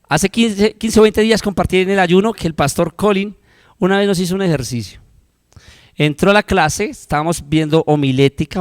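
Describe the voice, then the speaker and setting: A Colombian man preaching with fervor, his voice sitting high for a man. He drops to near-whispers and then climbs to urgent, ringing appeals. The sound is close and dry, with no room around it. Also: dry recording. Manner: impassioned preaching, swinging from hushed to loud. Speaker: pastor. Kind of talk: sermon.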